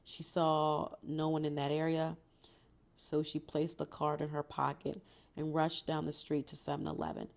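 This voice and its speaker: A woman's voice: low voice, level tone, moderate pace. A woman reading a novel aloud and breaking off for casual, profane reactions. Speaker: book reader and reactor.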